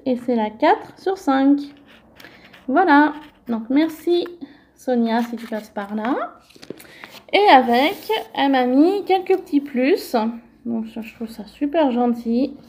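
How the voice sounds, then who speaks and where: A high, mellow-toned woman speaking slowly and gently. She chats casually through a show-and-tell of crafting mail and keeps filling her talk with small connecting words. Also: lively intonation. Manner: chatty, gentle, fills with "donc" and "voilà". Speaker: crafting vlogger.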